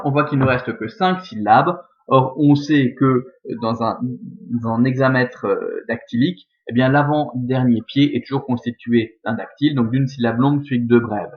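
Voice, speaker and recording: A man's voice: mid-range voice, lo-fi sound. A man teaching a lesson, methodically walking through the scansion of a verse step by step. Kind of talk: scanning Latin verse in a recorded lesson.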